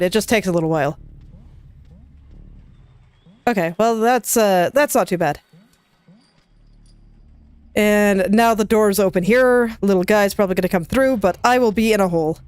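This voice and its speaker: A woman's voice: mid-range voice, smooth, no room sound. A woman giving casual, chatty commentary as she plays a video game, talking to herself as she goes. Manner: chatty, self-talking, quick laughs. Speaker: let's play gamer.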